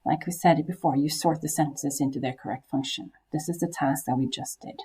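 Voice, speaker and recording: Husky woman teacher explaining a lesson. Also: low voice, steady tone, brisk, warm tone. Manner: explains with frequent fillers and rhetorical questions. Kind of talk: recorded classroom lesson.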